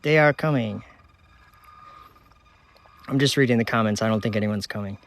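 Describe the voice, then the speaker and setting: A man's voice: lowish voice, normal speed. Casual man reading out livestream comments. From Minnesota, United States. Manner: relaxed, reads viewer locations aloud in a chatty running list. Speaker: livestream host. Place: outdoors at night with a telescope, north of Minneapolis.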